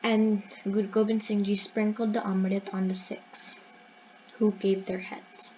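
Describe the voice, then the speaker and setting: A woman retells a religious story in an earnest, explanatory voice of ordinary pitch, often stopping to correct herself. The recording sounds dull and lo-fi, with a faint hiss behind her. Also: flat delivery, measured pace, dark tone. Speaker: channel host.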